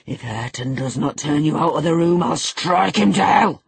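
Savage household master, acted by a narrator, storybook villain, very raspy, harsh, threatening, dry recording. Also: mid-range voice, steady tone, normal speed, no echo. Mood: savage fury. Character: savage, brooding middle-aged master, furious and menacing.

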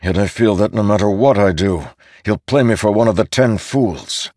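A man voicing a driven, battle-hardened warlord who speaks forcefully and urgently in an audiobook. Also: lowish voice, normal speed, no room sound, clean studio sound, pitched above the performer's own voice, lightly acted. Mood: troubled.

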